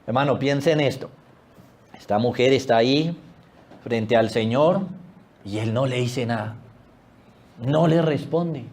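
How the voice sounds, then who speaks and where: A man preaching a sermon as pastor, swinging between loud exclamations and hushed low asides. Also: measured pace, long pauses.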